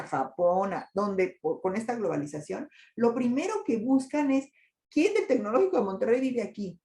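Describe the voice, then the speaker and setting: A woman's voice: medium pitch, dark tone, roomy sound. An older woman giving a talk to an audience, asking rhetorical questions as she goes. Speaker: lecturer on migration and grief. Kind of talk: presentation to an audience with slides.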